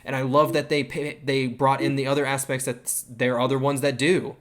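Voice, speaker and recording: Man, mid pitch, casual chat host, excitable, heavy swearing. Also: fairly quick. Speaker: stream host.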